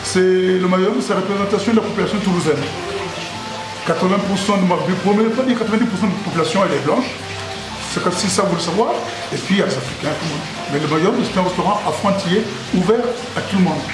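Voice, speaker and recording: A fast-talking man with a high-sitting voice speaks over music. He's a Congolese restaurant owner in his sixties, answering interview questions jovially and repetitively, rambling as he goes, inside his restaurant. Expect heavy echo and loud background noise in this casual interview.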